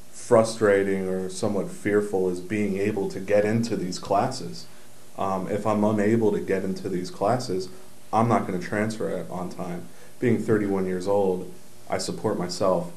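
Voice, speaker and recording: Deep-voiced man in his thirties. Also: steady tone, a little slow, darkish tone. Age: 30s. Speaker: community college student. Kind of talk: interview answers. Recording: roomy echo, faint hiss.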